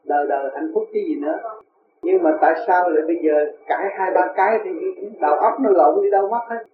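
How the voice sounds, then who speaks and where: A man's voice: high voice, fast. Man teaching. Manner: folksy storytelling, asks "see?" often. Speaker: spiritual teacher. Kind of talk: spoken dharma talk. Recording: tinny echoey old tape with hiss.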